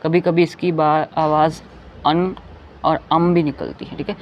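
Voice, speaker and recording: In a dull lo-fi recording with faint noise behind him, a male Hindi teacher gives a slow explanatory lesson. His voice is a little high and his delivery flat, at a moderate pace. He patiently repeats each sound and frequently makes sure listeners keep up.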